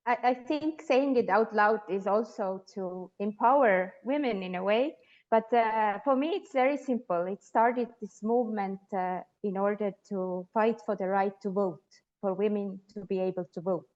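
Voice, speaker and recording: A woman's voice: mid-range voice, moderate pace, a little mellow, highs cut off. A woman from Estonia, a guest sociologist answering interview questions thoughtfully with frequent hesitations. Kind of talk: interview conversation.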